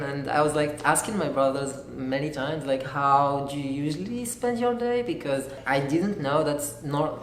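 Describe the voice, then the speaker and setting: A young man from Algeria, giving an earnest, halting personal testimony as a graduate student. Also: fairly high pitch. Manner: earnest, halting, searching for words. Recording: echoey room with faint noise.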